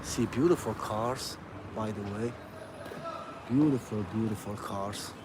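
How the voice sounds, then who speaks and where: Walking along a city street, a man from Algeria live-streams a casual, friendly ramble, with "you know" and "bro" in nearly every phrase. His voice is lowish at a measured pace, captured on a phone amid outdoor street noise and passing traffic.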